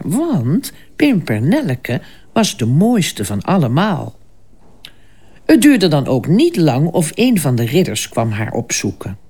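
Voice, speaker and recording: Unhurried, expressive fairy-tale reader. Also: medium pitch. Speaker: storyteller. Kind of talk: reading a fairy tale aloud.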